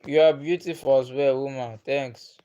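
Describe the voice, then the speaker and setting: The audio is dull, but this man's medium-pitched voice is warm and clean, with a steady tone and moderate pace. He hosts a livestream, casually chatting and reading comments. A first-language Igbo speaker, he's patient, repeats himself, and chuckles often.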